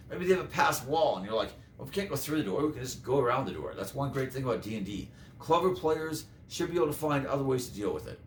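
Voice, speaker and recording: A man giving casual advice as a tabletop game master, rambling and chatty with lots of fillers. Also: mid-range voice. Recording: echoey room with faint noise.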